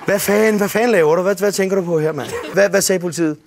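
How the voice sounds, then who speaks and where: A man doing stand-up storytelling on stage, animated and swearing freely as he acts out scenes with shouts and sound effects. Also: sits high, gravelly. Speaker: stand-up comedian. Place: stage before a live audience. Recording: TV broadcast with audience noise. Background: audience laughter.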